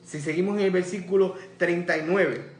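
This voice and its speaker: A man with a Puerto Rican Spanish accent preaching a sermon in a church, impassioned and rising to loud cries. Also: high-pitched, moderate pace. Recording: echoey church room with faint ambience.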